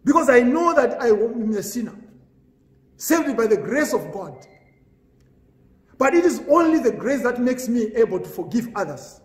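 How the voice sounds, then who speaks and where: Male pastor, sermon delivery, measured and earnest, animated pitch. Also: echoey room. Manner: earnest, measured preaching with pauses between phrases.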